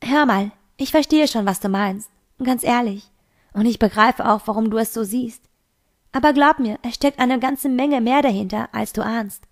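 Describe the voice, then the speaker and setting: A secretive teenage girl, voiced by a woman reader in a homemade audiobook. She talks evasively, brushing questions off with reassurances. The voice sits a little high and close to the reader's own. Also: moderate pace, lightly acted.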